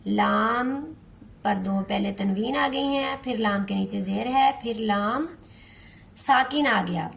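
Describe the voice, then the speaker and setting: This is a slow, step-by-step tajweed lesson from a woman whose voice is fairly high and creaky. She repeats each word with patience and slowness, reciting the Quranic lines in a lengthened chant.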